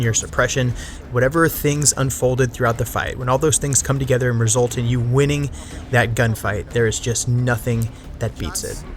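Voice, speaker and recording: A man's voice: mid-range voice, background noise. A man hosting a gaming video, reading scripted review narration and addressing viewers directly with emphasis. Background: music.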